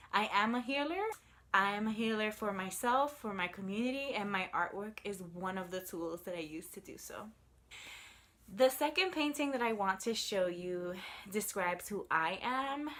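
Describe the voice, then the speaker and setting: A woman in her thirties from New York City, an artist, social worker and fellowship applicant, tells her personal story for a video application. She sounds earnest and reflective, with a mid-range, slightly bright voice. There is a little hiss or hum in the recording.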